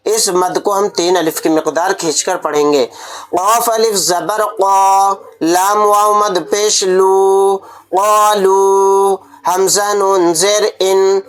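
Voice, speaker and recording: A man teaching Quran reading, spelling out letters one by one and drawing out the long vowels so students can repeat after him. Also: on the high side. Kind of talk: step-by-step recitation lesson.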